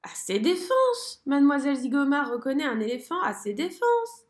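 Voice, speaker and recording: A woman voicing a boastful, bossy male blackbird who exclaims loudly. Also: high-pitched, very animated, moderate pace, pitched above the performer's own voice.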